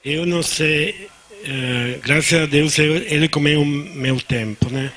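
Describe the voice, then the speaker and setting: A man with an Italian accent, a native speaker from Italy, speaks slowly in a slightly high, fairly bright voice. He gives unscripted remarks as a discussant on a conference panel, often restarting words and slipping into Spanish.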